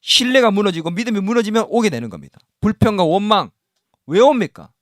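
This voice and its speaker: A man's voice: high-pitched, very animated, a little fast, no echo, clean studio sound. A male pastor preaching a sermon in a church, often asking the congregation questions and acting out the words of doubting believers. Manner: voices doubting believers in first person. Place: church sanctuary.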